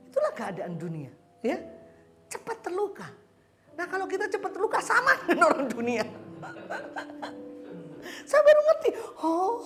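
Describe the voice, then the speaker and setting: A middle-aged woman preaching a sermon, telling lively stories and acting out the people she quotes. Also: on the high side. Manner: lively storytelling, acts out quotes.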